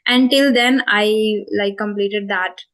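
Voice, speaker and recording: The recording is rough, and the woman talks slowly in a medium-pitched, fairly bright voice with fairly even intonation. In her twenties, with an Indian English accent, she hosts a spoken English channel and thoughtfully answers interview questions about it, often using fillers and correcting herself.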